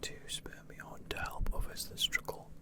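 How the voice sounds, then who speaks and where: Casting: ASMR host from the UK, fully whispered Q&A delivery, breathy, chatty and playfully self-mocking. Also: moderate pace. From United Kingdom. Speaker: ASMR creator answering viewer questions.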